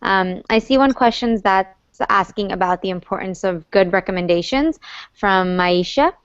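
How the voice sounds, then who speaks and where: A young woman from North Carolina, USA, a student, moderates an online Q&A session, reading out questions and passing them to others in a friendly, organized way. Her mid-range voice is clean with no echo at a moderate pace, though the video call audio is slightly muffled.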